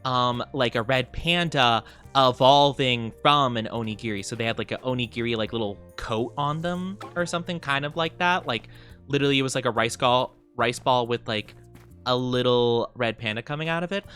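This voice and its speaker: A man's voice: mid-range voice, normal speed, a bit bright, clean tone, faint music behind. A man hosting a livestream as a VTuber, chatting casually while he plays a game, with effusive, gushing greetings and a cutesy, cooing way of talking. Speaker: VTuber streamer host.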